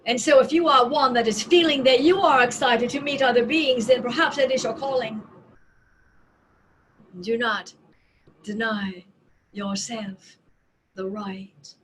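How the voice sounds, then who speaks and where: A woman as a slow, high-voiced seance medium spirit. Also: a bit bright, a little hiss or hum, poor audio. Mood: tender. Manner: solemn, deliberate, drawn-out phrasing with dramatic pauses. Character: loving, serene non-physical collective spirit channeled through a woman. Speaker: trance channeler, seance medium. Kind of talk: trance channeling, seance medium address.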